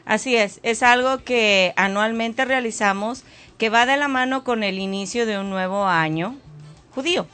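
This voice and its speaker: Female radio co-host, slightly high voice, encouraging and faith-filled, casual studio chat. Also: moderate pace, a bit bright, smooth, faint music behind.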